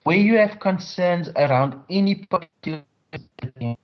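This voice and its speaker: A man's voice: sits high, lively intonation, normal speed. A man, a government official giving a formal briefing to a committee, speaks hesitantly with fillers over an online call whose audio keeps breaking up. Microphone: video call. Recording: dull, lo-fi video call audio.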